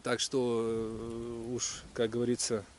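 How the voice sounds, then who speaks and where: A man talks to camera outdoors in the countryside, musing on faith. He speaks in a middling voice, hesitant and full of pauses and fillers. Faint outdoor noise sits behind him. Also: mid-range voice, completely flat delivery, darkish tone. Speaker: vlogger. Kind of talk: casual spiritual musing to camera. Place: outdoors in a rural area.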